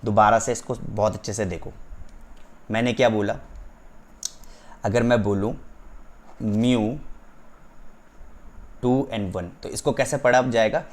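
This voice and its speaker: A man teaching a physics class, dictating slowly, repeating key terms and checking that students follow. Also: fairly low pitch, fairly even intonation. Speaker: physics tutor. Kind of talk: online class lecture.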